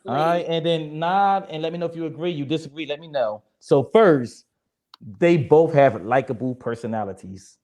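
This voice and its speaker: A man's voice: a little high, moderate pace, a little mellow. A young man moderating a casual panel chat in a joking, blunt and profane way. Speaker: moderator of a discussion show.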